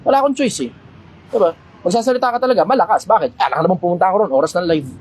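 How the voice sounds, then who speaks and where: A man hosting a casual livestream Q&A, talking bluntly, swearing casually and getting loud when he makes a point. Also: high voice, racing, slight background noise, low-quality recording. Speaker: livestream host answering questions.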